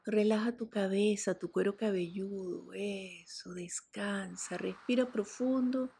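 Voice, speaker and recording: A woman guiding a relaxation meditation in a soft, soothing voice, with breathy whispered cues. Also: medium pitch, fairly even intonation, a little slow. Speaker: meditation guide.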